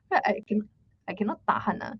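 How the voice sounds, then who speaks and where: A woman's voice: sits high, a bit bright, dry recording. A young woman teaching a live online math lesson with a Malaysian English accent, chatty and repeating her words, ending phrases with "lah". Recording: slightly muffled dry recording.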